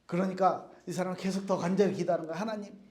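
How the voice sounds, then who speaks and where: A man's voice: sits high, fairly even intonation, rapid-fire, mellow, echoey room. A man giving a casual youth sermon, telling stories in plain speech and acting out the quotes himself. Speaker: youth pastor. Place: church youth service room.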